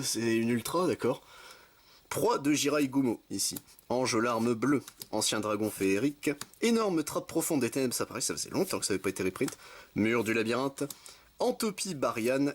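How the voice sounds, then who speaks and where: Chatty man reading off card names. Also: medium pitch. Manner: chatty, reads card names in quick lists, self-correcting asides. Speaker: card-opening video host. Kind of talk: casual commentary while opening card packs. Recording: faint background noise with card crinkling.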